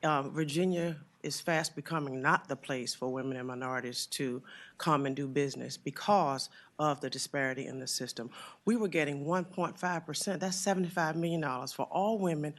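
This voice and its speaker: A man giving formal testimony to a legislative committee, earnest and deliberate, pausing often with fillers. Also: a little high, fairly bright tone. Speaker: witness testifying before a committee.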